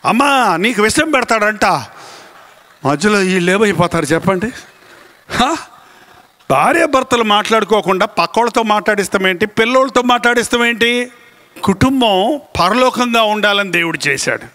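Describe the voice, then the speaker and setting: A man preaching a sermon, telling lively stories, acting out voices and sounds, and drawing out phrases for emphasis. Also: high voice, moderate pace. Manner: animated storytelling, acting out voices and animal sounds. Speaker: pastor.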